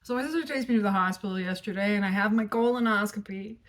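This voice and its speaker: A woman's voice: medium pitch, fast. A woman vlogger telling a story in a casual, frank and profane way, rambling with lots of filler words.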